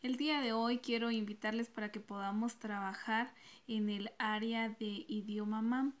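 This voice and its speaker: A woman's voice: a little high, steady tone, moderate pace. A woman teacher giving a recorded online class, speaking patiently and repeating each word for her pupils.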